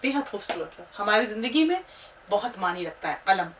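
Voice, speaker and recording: A woman teaching Urdu, slowly and patiently spelling words out letter by letter. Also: medium pitch, very animated, a bit bright, far from the mic.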